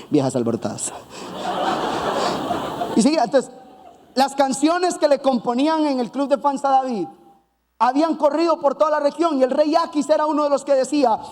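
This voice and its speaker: A man preaching a sermon, telling a Bible story with lively asides and acted-out voices. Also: extremely high pitch, in a large hall. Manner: animated storytelling with playful asides; acts out voices of biblical figures.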